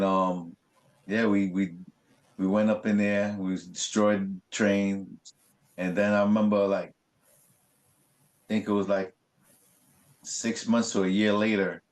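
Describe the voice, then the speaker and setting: A man, a graffiti artist, telling stories in a casual interview, animated and full of swearing and street slang. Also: deep voice, a little slow, long pauses.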